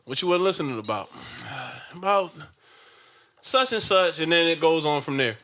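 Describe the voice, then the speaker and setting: A man with a fairly high, bright voice, talking on a podcast in a casual, easygoing way. He laughs often and slips into little acted bits of dialogue. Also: lively intonation, moderate pace. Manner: laid-back, laughs often, acts out dialogue with his daughter. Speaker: podcast co-host and father. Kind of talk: casual chat.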